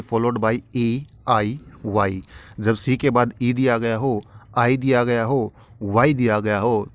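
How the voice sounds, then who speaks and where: Man, Indian English accent, school teacher, recorded lecture, slow reading, spells words letter by letter. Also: mid-range voice. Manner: reads English lines slowly, then explains in Hindi.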